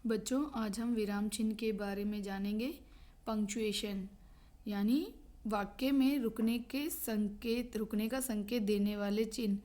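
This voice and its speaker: A woman teaching a grade-school grammar lesson to children, explaining slowly and checking often that they follow. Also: mid-range voice, steady tone, dark tone. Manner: explains slowly, repeats and checks with "thik hai".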